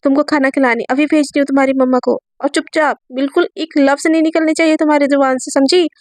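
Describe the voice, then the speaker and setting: A woman's voice: high voice, steady tone, fast talker, dry recording, lightly acted. A woman voicing a domineering, possessive young woman who bosses and threatens others in a storybook tale. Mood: bossy scolding. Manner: bossy, threatening, commanding.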